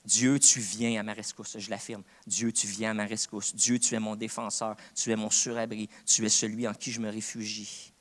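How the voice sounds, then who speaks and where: A man's voice: lowish voice, flat delivery, normal speed, few pauses, a bit bright. A man with a Québécois French accent, preaching a sermon as co-pastor in an earnest, conversational way. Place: church.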